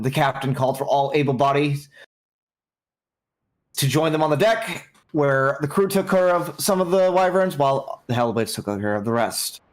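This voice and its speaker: A young man acting as game master, narrating a tabletop game on a livestream while filling pauses with ums and uhs. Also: a little high. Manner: scattered, frequent ums and uhs.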